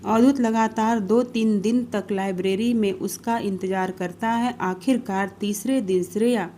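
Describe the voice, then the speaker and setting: A woman narrating a cartoon moral story in a steady, matter-of-fact scripted style. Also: mid-range voice, a little slow, a little hiss or hum.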